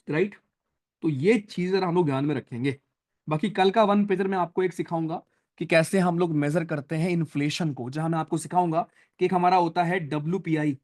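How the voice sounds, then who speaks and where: A young man teaching a live online class, chatty and teasing, mixing English terms into his talk. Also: high voice. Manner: chatty, teasing, addresses students as brothers and friends; mixes Hindi with English terms. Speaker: online exam-prep teacher.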